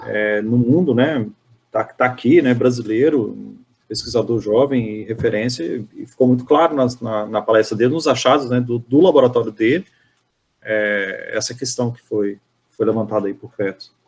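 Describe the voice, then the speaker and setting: A man with a Brazilian Portuguese accent joins an academic discussion with loose, conversational remarks full of fillers. His voice is husky at a middle pitch. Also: moderate pace, darkish tone. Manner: conversational, many tag fillers. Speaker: meeting participant.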